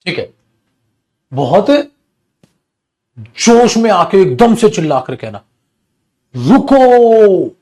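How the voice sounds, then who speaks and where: A man lectures in a classroom style, with a voice pitched a little high for a man. He takes his time, repeating each phrase slowly and calling his students "beta" before he explains it. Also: a little mellow. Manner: mixes Hindi and English, addresses students as "beta". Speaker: English teacher.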